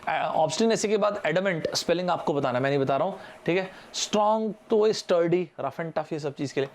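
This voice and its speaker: This is a young man from India leading a live vocabulary lesson for exam aspirants. His voice sits a little on the high side. He talks in a loose, chatty way, spells words out letter by letter and keeps inviting viewers to answer in the comments. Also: brisk. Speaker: online vocabulary teacher.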